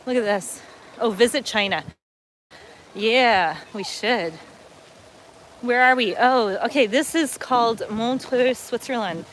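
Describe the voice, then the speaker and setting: Walking a lakeside waterfront, a middle-aged woman from upstate New York, USA, chats on a casual travel livestream and reads out viewer comments. Her voice is fairly high and slow, with frequent pauses, over slight background noise.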